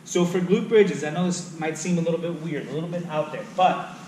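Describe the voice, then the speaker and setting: A man's voice: on the high side, fairly quick, a little mellow, far from the mic, a little hiss or hum. A male fitness trainer explaining and demonstrating exercises in a gym, counting out reps as he moves. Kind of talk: instructional workout video. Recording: echoey room, voice from off-mic.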